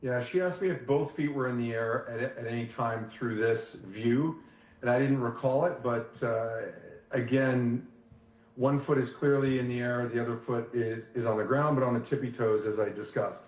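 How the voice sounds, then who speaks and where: A man testifying as an expert witness in a courtroom recording, giving short, measured answers. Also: mid-range voice, a little mellow. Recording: echoey dull courtroom audio.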